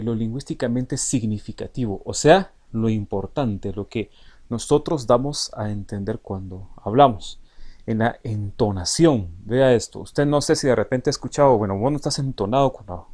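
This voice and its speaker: A man's voice: medium pitch, a little mellow. A male teacher giving a recorded online lecture, explaining step by step with frequent hesitant fillers and speaking directly to his students.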